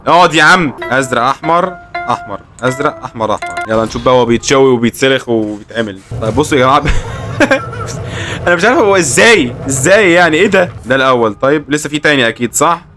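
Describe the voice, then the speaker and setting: Egyptian male let's-player; very fast, jokey, mid-pitched, exclaiming at the game. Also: soft background music. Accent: Egyptian Arabic. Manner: excitable, exclaiming, joking reactions. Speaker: gaming host. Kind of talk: horror game let's-play commentary.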